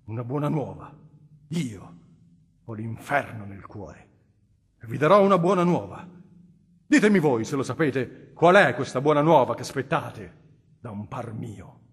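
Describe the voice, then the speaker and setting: A man voicing a tormented, proud nobleman who breaks into anguished, near-shouted outbursts in an audiobook reading. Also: on the low side, slow pace, slightly rough, exaggerated voice. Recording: long hall reverb.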